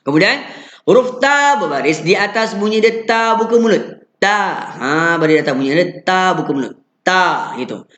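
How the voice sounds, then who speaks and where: A man with a Malaysian Malay accent teaching Quran pronunciation, patiently drilling syllables and chanting verses slowly. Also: sits high, animated, fairly bright tone, echoey room. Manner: chants the verse in slow drawn-out recitation.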